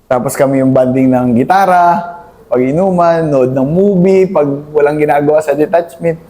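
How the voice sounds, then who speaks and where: A young man, a Filipino soldier, recounts a battle in a halting interview, calling his listener sir at nearly every pause. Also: fairly high pitch, dark tone. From Philippines. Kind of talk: conversational war story interview.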